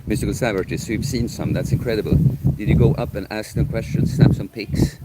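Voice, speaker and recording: A man's voice: lowish voice, brisk, heavy background noise. A man, hosting a livestream and chatting casually as he muses aloud and answers viewer comments. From Sweden. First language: Swedish. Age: 30s. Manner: musing, chatty, answers chat questions aloud. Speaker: livestream host.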